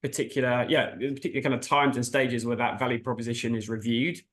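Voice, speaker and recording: A man with an average-pitched voice hosts a casual interview. He introduces and asks in a hesitant, loosely phrased way, circling toward each question. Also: little pitch movement, quick pace, a bit bright. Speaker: host, interviewer.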